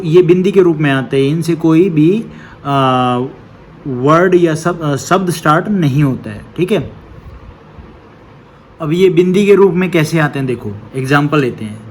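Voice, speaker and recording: A man with a somewhat high voice teaches an exam-prep grammar lesson. He explains patiently, step by step, asks a question and answers it himself, and checks each point with a quick "okay". A faint noise sits under his voice.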